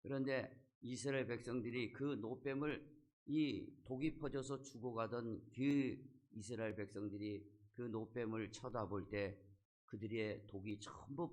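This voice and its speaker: A man, senior pastor of a church, preaching a sermon and retelling a scripture story, dotting his sentences with short affirming fillers. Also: mid-range voice.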